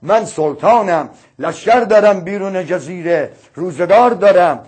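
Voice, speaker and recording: A man's voice: high voice, darkish tone, husky. A man voicing an earnest king who is a new convert, pleading in a recited religious tale.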